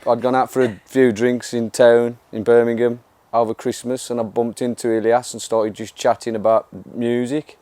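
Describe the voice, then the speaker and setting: A man with a smooth, dark, mellow voice. He tells casual anecdotes in an easy, unhurried way. The recording is dry and close. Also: mid-range voice, level tone, no echo. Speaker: guitarist. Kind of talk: documentary interview.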